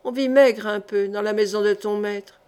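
A woman's voice: medium pitch, fairly even intonation, moderate pace, darkish tone, clean tone, close to an everyday voice. A woman reading the part of a boastful, greedy young man getting drunk at a feast. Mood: tipsy swagger.

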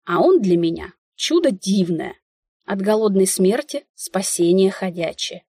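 A woman narrating a first-person audiobook in a wry, lively inner-monologue manner. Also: mid-range voice, a little slow, husky, no echo, studio quality.

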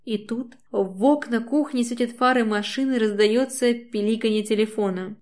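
A woman's voice: on the high side, normal speed, a little mellow. A woman reading a first-person novel aloud in an intimate, emotional way. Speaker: audiobook reader. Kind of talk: first-person audiobook narration.

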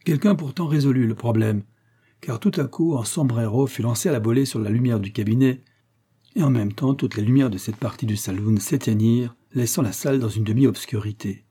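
Guy reading an adventure audiobook, steady and measured, husky mellow voice. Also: mid-range voice. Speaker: narrator. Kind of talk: audiobook narration.

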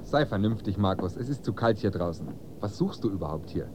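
A man's voice: lowish voice, expressive, brisk, background noise, close to an everyday voice. An actor as a stern, sarcastic middle-aged father. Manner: sarcastic, firm, lecturing.

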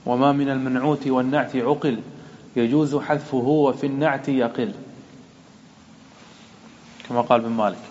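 A man's voice: on the high side, lo-fi sound. A man, a sheikh, teaching a grammar lesson in a methodical way, asking and answering his own questions.

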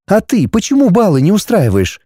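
An indignant, tart young woman, as a male reader puts her on in a storybook reading, her voice pushed well up and full of outrage. Her voice swings lively from line to line. It sounds dry and close, with no room around it. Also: brisk, slightly rough, dry recording, exaggerated voice. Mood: demanding. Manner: high, tart and exclaiming. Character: young woman heroine, modern, indignant and sharp-tongued.

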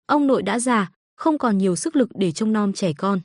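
A woman narrating an audiobook in a steady, even storytelling manner. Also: mid-range voice, normal speed, no room sound, clean studio sound.

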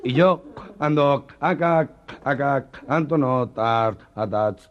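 A man's voice: mid-range voice, slow, voice pushed up, lightly acted. A man voicing a stammering job seeker who gets stuck on every syllable, on a dull old cassette tape. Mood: pleading. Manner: heavy stutter, stuck on syllables. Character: stammering man looking for work.

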